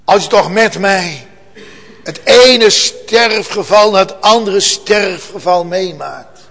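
A man preaching in a church, his voice high and his delivery slow and solemn. Now and then he swells into loud, emotional cries. Long reverb trails each phrase. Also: vocal fry. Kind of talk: sermon.

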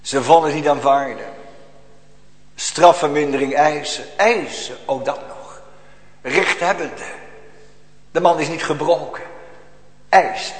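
A man preaching a sermon to a congregation, slow and solemn, rising to emphatic outbursts, recorded in a church. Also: a little high, echoey room, big-room sound, a little hiss or hum, poor audio.

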